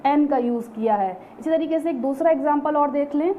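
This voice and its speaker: A woman's voice: sits high, brisk, dark tone. A woman teaching an online grammar lesson, explaining patiently and asking the class rhetorical questions. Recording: tinny phone-like recording, faint hiss.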